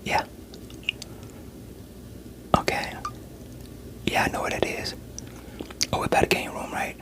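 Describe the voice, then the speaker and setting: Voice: takes it slowly, close to an everyday voice. A performer in a whispered role-play voicing a veteran police interrogator who coaxes and pressures a suspect in a sceptical, streetwise way. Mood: probing, coaxing.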